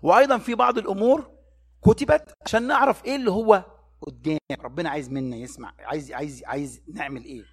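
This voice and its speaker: A man speaks quickly in a high, slightly bright, husky voice with an Egyptian Arabic accent. He's delivering a Bible study sermon, repeatedly asking his listeners rhetorical questions and then answering them himself.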